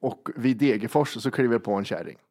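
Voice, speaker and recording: A man in casual podcast chat, telling a crude, profane story and acting out the people in it. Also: mid-range voice. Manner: animated, acts out people he describes.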